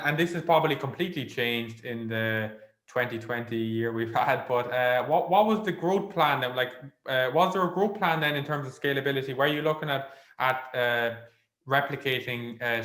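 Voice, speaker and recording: A man with a west of Ireland accent conducting a casual interview, feeling his way haltingly through his questions. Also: mid-range voice, a bit bright. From Galway, Ireland. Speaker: podcast interviewer. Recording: roomy, echoey sound.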